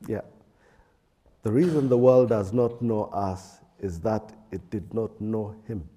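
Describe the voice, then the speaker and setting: A man with a low, very dark voice delivers a sermon slowly, pausing between phrases as he reads scripture. His tone is husky. The sound is drenched in a big hall's echo. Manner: slow, measured preaching with pauses and fillers. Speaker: preacher. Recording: echoing hall reverb.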